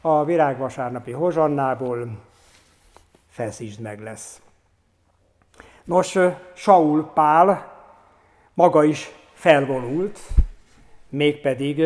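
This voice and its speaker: A man preaching a sermon in earnest tones, pausing often with hesitant fillers. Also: on the high side, darkish tone, long reverb tail. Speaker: pastor.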